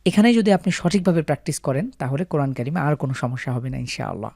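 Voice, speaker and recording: A man's voice: on the high side, fast, vocal fry, a little mellow, no echo, clean studio sound. A man with a Bangladeshi Bengali accent teaching Quran reading, patiently explaining and chanting syllable drills aloud. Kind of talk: step-by-step recitation lesson.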